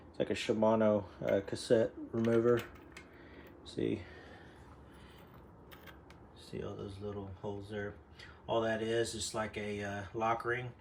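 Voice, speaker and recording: Over a faint hiss or hum, a man with a fairly low, darkish voice walks through a bike repair for a casual how-to video. He rambles, leans on filler words, and is breathing heavily from bending over the bike.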